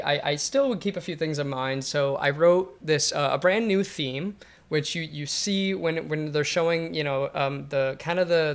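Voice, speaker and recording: Casting: young male composer-presenter, slightly high voice, casual and hesitant explainer talking to camera. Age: young adult. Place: bright living room with grand piano.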